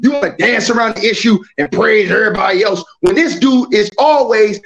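Sports debate panelist: man, strikingly high pitch, loud and opinionated, needling his opponents. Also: fairly quick, creaky, poor audio.

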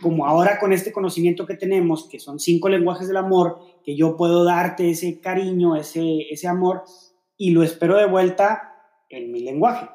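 A man's voice: high-pitched, moderate pace, darkish tone. A man co-hosting a casual faith-based podcast about relationships, talking reflectively and filling his thoughts with rhetorical questions. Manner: reflective, explains with many fillers and rhetorical questions. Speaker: podcast co-host. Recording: echoey room.

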